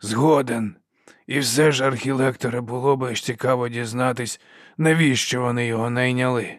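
A man's voice: mid-range voice, fairly even intonation, moderate pace, dry recording, studio quality, lightly acted. A man voicing a crippled male inquisitor with a wry, sardonic manner.

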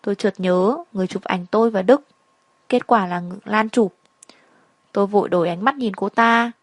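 Woman, storyteller, reflective and melancholy, mid-pitched voice, dry close sound. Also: moderate pace, no room sound. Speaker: narrator. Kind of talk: first-person story narration.

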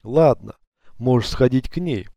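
A man's voice: mid-range voice, a little slow, gravelly, warm tone, dry recording, studio quality. A man voicing Pasha, a cruel, callous bandit leader who gives curt orders in an audiobook.

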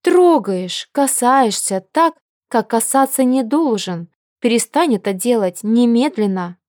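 A proud, fiery young woman soldier from an audiobook snaps back with indignation, voiced by a woman. The voice sits higher and louder than the reader's own, and the recording is dry and close. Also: lively intonation, a little slow, dry recording. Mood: indignant. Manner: indignant, snapping. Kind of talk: audiobook character voice.

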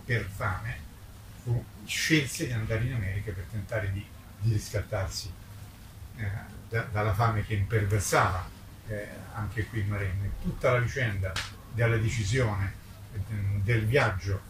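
A book publisher with a lowish voice presents a literary festival informally before a live audience, polemical and emphatic yet full of stretched-out pauses and digressions. The recording is distant, echoey, and has a clearly noisy ambience.

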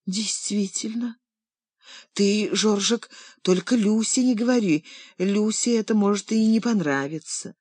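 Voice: mid-range voice, unhurried, a little mellow, breathy edge, dry recording, voice pushed up. Narrator voicing Lipa, a stern grandmother. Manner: curt, stern scolding. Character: strict, sceptical elderly grandmother. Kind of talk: audiobook character reading.

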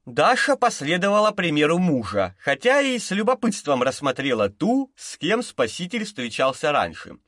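A man narrating an audiobook with lively, expressive storytelling. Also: a little high, moderate pace, hardly any pauses, dry recording, studio quality. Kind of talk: audiobook narration of a crime novel.

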